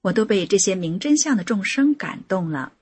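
A woman reading a personal account aloud in an earnest, measured scripted narration. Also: mid-range voice, animated, a little mellow, husky, dry recording. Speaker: article reader.

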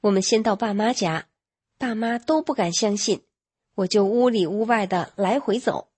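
A woman narrating a first-person story in a steady, earnest reading voice with a husky tone. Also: medium pitch, normal speed, dry recording.

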